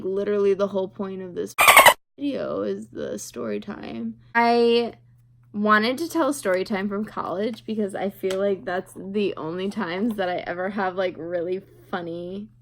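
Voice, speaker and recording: Giggly young woman with creaky voice. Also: medium pitch, noisy background. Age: 20s. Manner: giggly, rambling and self-deprecating. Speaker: video creator telling a story. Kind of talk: casual chatty storytime while doing makeup.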